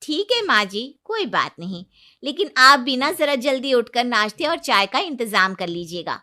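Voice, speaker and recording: A woman's voice: a little high, sing-song, moderate pace. Woman doing a cheeky defiant young bride. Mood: sweetly bossy. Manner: bold, cheeky, talks back loudly. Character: sharp-tongued defiant young daughter-in-law.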